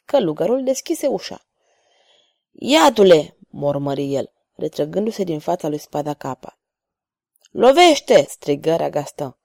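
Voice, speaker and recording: A woman's voice: sits low, lively intonation, gravelly, mellow, no room sound, studio quality. A woman narrating an adventure novel aloud, reading expressively and voicing every character.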